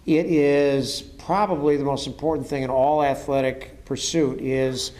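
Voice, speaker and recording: A man working as an interviewer and coach, talking conversationally and enthusiastically, often halting and repeating words for emphasis. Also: mid-range voice, fairly even intonation, darkish tone.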